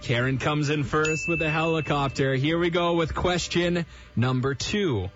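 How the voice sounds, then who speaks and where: A man's voice: fairly high pitch, unhurried, a bit bright. A man hosting a radio prize contest in an upbeat, exclamatory, chatty game-show style. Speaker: radio host running a phone-in prize contest. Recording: dull radio broadcast, music behind. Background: music bed.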